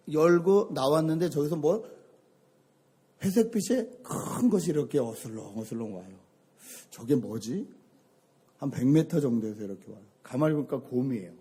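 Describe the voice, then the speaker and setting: Middle-aged male pastor, mellow husky voice, storytelling sermon delivery. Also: on the high side. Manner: storytelling, animated anecdotes.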